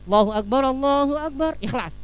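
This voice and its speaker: A man giving a lively sermon, acting out everyday scenes and mixing in phrases. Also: extremely high pitch, a little fast, smooth, poor audio. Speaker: Islamic preacher. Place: office hall.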